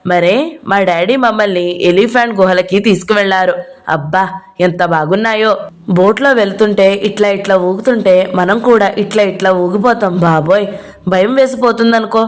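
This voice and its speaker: An innocent little boy, as a woman reads him in an audio novel, chattering eagerly and running one sentence into the next. The voice sits at an ordinary middle pitch, close to a reader's own. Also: moderate pace, lightly acted. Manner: rambling, breathless storytelling.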